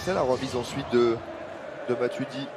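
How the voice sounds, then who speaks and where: A Frenchman giving spontaneous replay analysis as a football co-commentator, emphatic and halting, repeating his phrases. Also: medium pitch, loud music behind the voice. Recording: loud stadium crowd, noisy background. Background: football stadium crowd.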